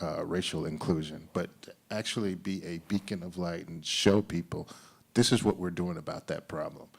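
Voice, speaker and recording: Deep gravelly man, earnest panelist. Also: darkish tone. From United States. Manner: earnest, emphatic, repeats phrases. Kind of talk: panel discussion.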